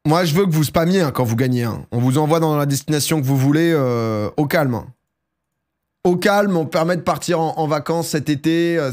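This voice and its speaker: On a live stream, a young man chats in a relaxed but excitable manner despite a sore throat. His talk keeps spiking into loud, high bursts.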